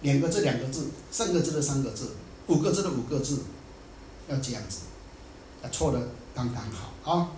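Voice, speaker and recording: A man giving a dharma talk, animated and acting out the people he quotes. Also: mid-range voice, a little fast, echoey room, a little hiss or hum. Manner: animated, acts out quotes in dialect. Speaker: Buddhist teacher.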